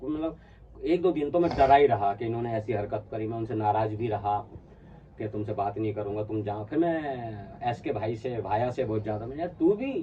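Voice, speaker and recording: A man's voice: on the low side, fairly quick, far from the mic, dull audio, slight background noise. A man telling a casual personal anecdote, acting out what his friends said along the way. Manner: animated, acts out quoted friends. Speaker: storyteller.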